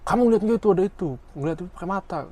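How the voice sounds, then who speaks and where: A rude male coworker yelling abuse at a junior, as a man puts him on. The voice jumps well above the speaker's own pitch and snaps with contempt. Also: very fast. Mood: angry scolding. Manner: scolding, insulting.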